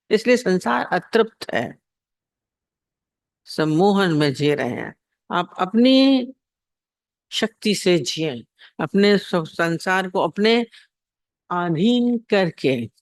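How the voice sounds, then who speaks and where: A man delivers a devotional scripture discourse as a spiritual teacher. He repeats phrases and puts rhetorical questions to his listeners, in a voice high for a man. The sound is dry, with no room echo. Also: big pitch swings, slow, pauses often.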